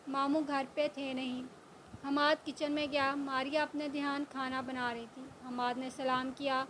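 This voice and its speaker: A woman narrating a story in a plain, even storytelling manner. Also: high-pitched, slight background noise, low-quality recording.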